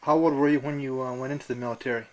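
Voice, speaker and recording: A man's voice: mid-range voice, fairly even intonation, rapid-fire, a little mellow, poor audio. A man working as an interviewer, putting short, informal questions to someone.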